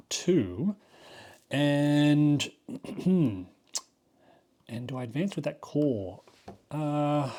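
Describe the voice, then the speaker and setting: A man of average pitch talks through a solo board game playthrough, thinking aloud as he counts spaces and weighs each move. His delivery is loose and conversational, full of ums and small self-corrections. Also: a little mellow.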